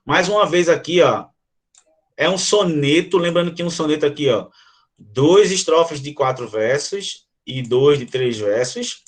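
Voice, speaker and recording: A man's voice: a little high, unhurried. A Brazilian man teaching a literature class, explaining a sonnet and reading its verses aloud to his students. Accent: Brazilian Portuguese. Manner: animated, addresses students directly, reads verses aloud. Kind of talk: online class explaining a poem.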